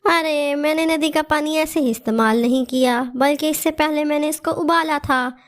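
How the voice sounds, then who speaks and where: A scheming auntie bird in a cartoon who coaxes and plots, played by a woman. The voice is high and sly, and the tone is wheedling. She talks in a sugary but plotting way. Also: normal speed, lightly acted. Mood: coaxing. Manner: sly, coaxing.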